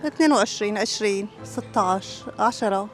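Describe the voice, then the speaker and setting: A woman's voice: mid-range voice, fairly quick. A middle-aged woman with a Syrian Arabic accent, answering questions in a casual personal interview. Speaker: street interviewee. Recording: background music under voice.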